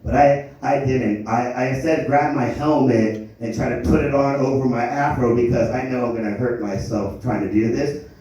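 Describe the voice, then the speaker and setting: A young man from Germany works a stand-up set, rambling through self-deprecating stories with frequent stumbles and restarts. His voice is mellow and dark, picked up from a distance in a very echoey club. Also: mid-range voice, steady tone, moderate pace, dull audio. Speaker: stand-up comedian. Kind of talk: live stand-up comedy. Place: comedy lounge stage.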